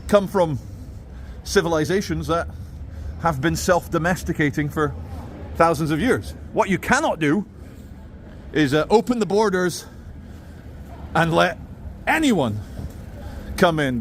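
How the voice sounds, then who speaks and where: A man's voice: on the high side, lively intonation, a little slow, long pauses. Man rambling outdoors over faint city noise. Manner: rambling, opinionated commentary. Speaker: vlogger. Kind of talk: walking vlog monologue. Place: outdoors in a city, walking by a river.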